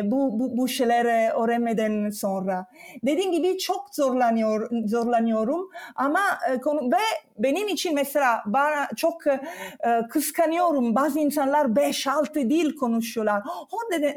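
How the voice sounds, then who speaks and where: High-pitched foreign woman, halting broken Turkish. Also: a little mellow. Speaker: interview guest. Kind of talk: casual conversational interview.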